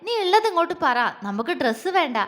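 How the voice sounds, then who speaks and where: A woman's voice: very high voice, very animated, a little fast, fairly bright tone, big-room sound, voice pushed up, exaggerated voice. A woman voicing a bold young college girl who teases and pushes her friend. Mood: teasing.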